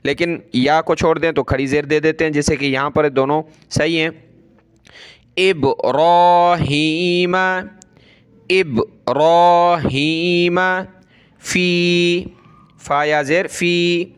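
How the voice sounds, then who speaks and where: A man teaching Quran recitation, spelling out each word letter by letter and vowel by vowel before chanting it slowly. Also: on the high side, steady tone, a bit bright, clear, resonant tone.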